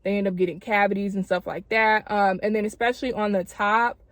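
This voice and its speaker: A woman's voice: medium pitch, fairly even intonation, brisk, dry recording. A woman talks casually to her viewers as a vlogger, using informal, girlfriend-like slang. She is wearing retainers as she speaks, which slightly impedes her words. The sound is close and dry, with a mid-range voice. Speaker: video creator addressing subscribers. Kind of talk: casual chatty vlog talk to camera.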